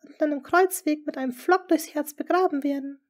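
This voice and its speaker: A woman voicing an anxious lady-in-waiting in an audiobook, speaking high, tense and trembling. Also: a little fast, close to an everyday voice. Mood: alarmed. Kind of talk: audiobook character reading.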